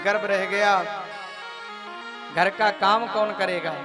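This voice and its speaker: Male preacher playing a high, shrill, scolding village wife; quarrelsome storybook figure, music behind. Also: steady tone, takes it slowly. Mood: complaining.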